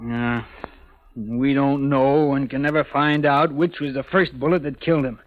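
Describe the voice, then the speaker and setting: An actor playing a gruff, slangy, exasperated police sergeant in a 1940s AM radio detective drama. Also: male voice, mid-range voice, fairly even intonation, moderate pace, natural voice. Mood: blustering, baffled. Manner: blunt, slangy, grumbling. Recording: muffled 1940s AM radio recording.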